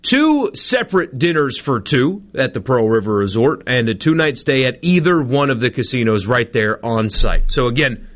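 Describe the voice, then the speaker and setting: A man's voice: mid-range voice, sing-song, normal speed, few pauses, a bit bright. An American man hosting live sports talk radio in a casual, conversational way, spelling out details for listeners.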